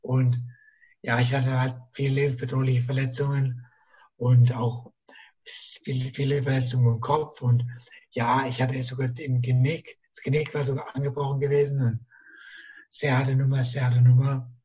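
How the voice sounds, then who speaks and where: A man guest in a casual interview, speaking with a rough, strained voice and a halting way of repeating himself. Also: mid-range voice, level tone, mellow, lo-fi sound.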